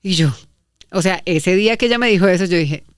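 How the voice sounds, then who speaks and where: A woman's voice: on the low side, fairly quick. A woman hosting a family podcast, chatting casually and affirming her guest. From Colombia. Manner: agreeable, chimes in with short affirmations. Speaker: podcast host. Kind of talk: casual conversational interview.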